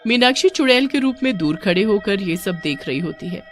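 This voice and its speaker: A woman telling a story in a lively narrating voice at a middle pitch. She reads it as scripted narration and moves easily between the plain telling and the people in the tale. Faint music plays behind her. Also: fairly quick.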